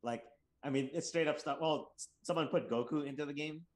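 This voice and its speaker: A man's voice: fairly high pitch, a little fast, a little mellow. Curious man asking questions in chat. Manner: curious, asks questions, hesitant fillers. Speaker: stream co-host. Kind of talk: casual chat.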